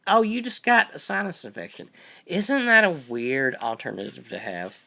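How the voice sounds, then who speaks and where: A hoarse man rambling and cursing his way through casual live-stream chat as host, saying his voice is going out. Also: fairly high pitch, wildly swooping pitch, normal speed, sharp tone. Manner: profane, rambling storytelling.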